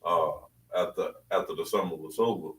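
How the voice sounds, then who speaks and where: A man's voice: deep voice, fairly even intonation, moderate pace. An older man in his seventies from Louisiana with a Southern US accent, telling his stories casually in conversation. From Louisiana, American South. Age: 70s. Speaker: interview guest. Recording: roomy, distant mic, faint background noise.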